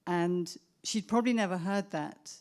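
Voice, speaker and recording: A woman speaks as a psychotherapist answering questions at a professional event. Her voice sits a little low, and she talks in a measured, reflective way, often restarting her sentences as she thinks. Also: a little mellow, clean tone.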